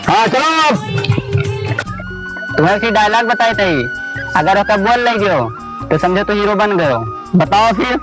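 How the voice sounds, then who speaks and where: A high-pitched man with an Awadhi accent plays in a rustic comedy sketch. He talks in a bossy, coaching way, barking commands. Music runs faintly behind him. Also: measured pace, long pauses. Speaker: comic actor.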